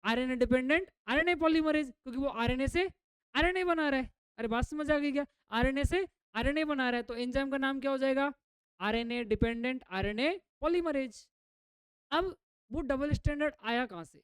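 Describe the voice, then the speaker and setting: At a normal pace and with no echo, a high-voiced woman gives a biology lecture to her classroom. Questions to the students come again and again, followed by her restating the answers, with English terms mixed throughout.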